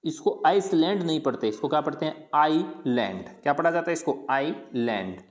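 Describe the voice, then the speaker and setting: With a medium-pitched, lively voice and a fairly quick delivery, a teacher explains pronunciation in a casual way. Questions are asked and then answered, and every word gets patiently repeated several times.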